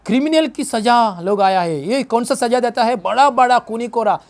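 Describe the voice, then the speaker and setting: A pastor preaching a Good Friday sermon, questioning the congregation and repeating phrases for emphasis. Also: male voice, extremely high pitch, moderate pace. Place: church service.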